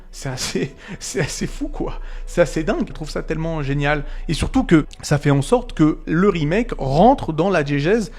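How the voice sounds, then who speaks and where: A man's voice: fairly high pitch, creaky, a little mellow. A man hosting a casual video game analysis, enthusiastic and chatty, speaking straight to his viewers. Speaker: video essay host.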